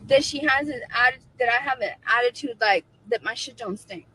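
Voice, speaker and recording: Bright-voiced woman in her forties. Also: a little high, a little fast, breathy edge, rough recording. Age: 40s. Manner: emphatic, repeats herself for effect. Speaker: co-host of a livestream. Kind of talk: casual livestream chat.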